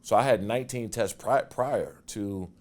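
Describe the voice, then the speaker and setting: A man in his forties telling stories from his football career in a casual interview, animated and getting loud and quick when excited. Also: fairly low pitch. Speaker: guest, former football player.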